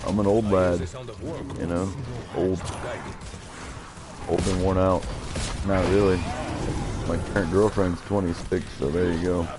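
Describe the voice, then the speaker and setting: A man's voice: low voice, level tone, measured pace, long pauses. A man in his thirties streaming a game live, chatting and rambling to his viewers as he plays. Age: 30s. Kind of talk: casual live gameplay commentary.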